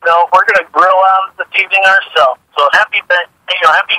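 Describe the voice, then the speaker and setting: Bright, chatty woman drag racer. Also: lowish voice, fairly even intonation, quick pace, no room sound, low-quality recording. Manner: chatty, laughs easily, repeats words. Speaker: jet dragster driver, guest. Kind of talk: casual interview chat.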